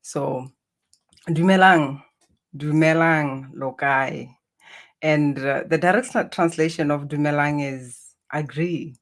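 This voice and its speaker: Speaking slowly in a deep voice, this middle-aged woman from Botswana shares reflective stories from her life. A native Setswana speaker with a Botswana accent, she appears as an interview guest and works as a spiritual healer.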